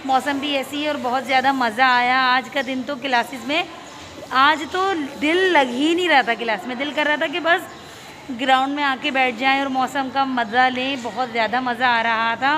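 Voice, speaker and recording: Woman, young, high-pitched, schoolteacher, casual vlog, chatty, coaxing, phone mic, noisy school corridor. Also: fairly even intonation, normal speed. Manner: chatty, coaxing questions to a child. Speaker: schoolteacher and vlogger. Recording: loud crowd and ambient noise. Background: children playing and chatter.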